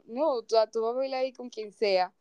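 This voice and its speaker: A young woman co-hosting a podcast in a relaxed, chatty way. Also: a little high, normal speed, clear, resonant tone, no echo. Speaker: podcast co-host. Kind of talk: casual chat.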